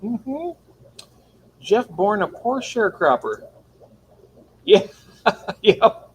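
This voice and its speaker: A man's voice: sits high, big pitch swings, very slow, a little hiss or hum, poor audio. A man co-hosting a casual livestream, joking around, laughing often and reading chat comments aloud. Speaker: livestream co-host.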